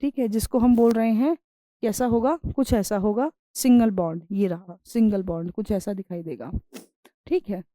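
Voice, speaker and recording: A woman teacher giving a science lesson. She reads English lines slowly, then explains them in Hindi with everyday examples, and keeps checking in with her students. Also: medium pitch, dark tone, no room sound, poor audio. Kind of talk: classroom lecture.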